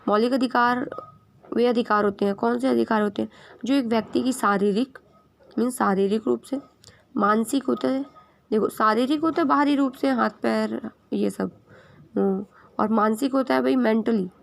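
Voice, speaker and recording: Female teacher, a bit hoarse and gravelly, slightly high voice, casual lesson that answers its own questions. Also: moderate pace, dry recording. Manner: asks herself questions and answers them; mixes in English words. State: sore throat.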